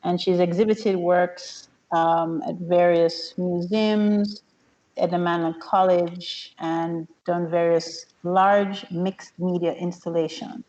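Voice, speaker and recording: A woman presenting at an online meeting, reading film synopses and filmmaker bios in a steady, careful way. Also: fairly low pitch, slow pace. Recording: dull lo-fi online meeting audio.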